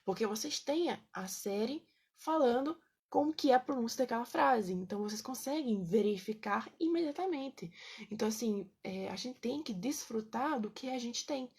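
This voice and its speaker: A woman's voice: on the high side, lively intonation, normal speed, a little mellow, slightly rough. A woman, casually teaching on a live stream, chatty, with lots of fillers and checks with her viewers. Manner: greets viewers by name between points.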